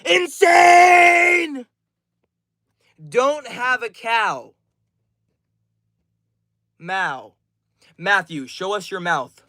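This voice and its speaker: A man's voice: very high voice, very slow, pauses often, bright, forceful tone, dry recording, shouting. A twenty-year-old man live streaming, reading out chat names and answering each message in a friendly, upbeat way. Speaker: livestreamer.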